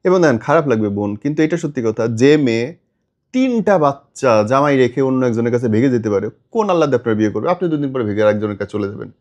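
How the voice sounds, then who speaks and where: Man, talk show host, rapid-fire delivery, blunt, scolding, sarcastic. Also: mid-range voice, expressive, a little mellow, dull audio. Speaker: radio-style show host.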